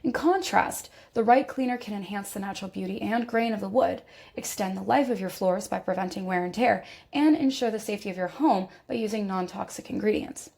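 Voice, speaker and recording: Her voice scratchy and gravelly from a recent illness, a woman hosts a casual informational podcast, still recovering and coughing slightly now and then. She talks conversationally with fillers and self-corrections, in a mid-range voice that's a little mellow and fairly quick.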